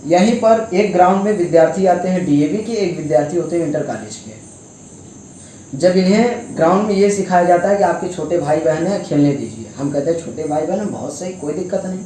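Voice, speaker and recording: A man's voice: high voice, expressive, a little fast, dark tone. A young man, a student, giving impassioned interview answers full of emphatic rhetorical questions. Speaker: student speaking out. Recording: very echoey with faint noise.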